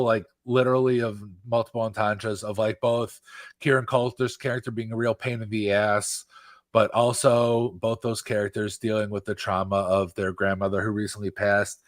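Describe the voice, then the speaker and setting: Male podcast co-host, lower pitch, dry close sound, casual filler-laden delivery. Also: normal speed, no room sound. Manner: casual, filler-heavy, animated. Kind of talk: casual film review chat.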